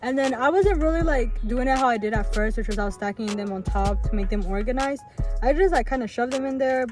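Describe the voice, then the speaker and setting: A woman's voice: on the high side, fast. A young woman vlogger casually telling a story, chatty and full of fillers, with music playing behind.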